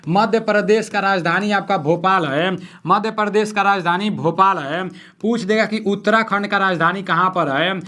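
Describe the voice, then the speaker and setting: A young man teaching exam questions at home at night, talking softly and repeating each question. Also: high-pitched, moderate pace. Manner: soft-spoken, repeats each question, frequent "theek hai na". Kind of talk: quiz-style exam lesson.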